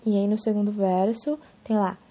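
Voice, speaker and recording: A woman casually explaining poetry in a spoken lesson, correcting herself and slowing down to stress example words. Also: mid-range voice, level tone, warm tone, husky.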